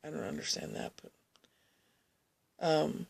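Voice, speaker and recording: Gravelly woman telling a rambling story. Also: low-pitched. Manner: halting, rambling, frequent restarts. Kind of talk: personal storytelling.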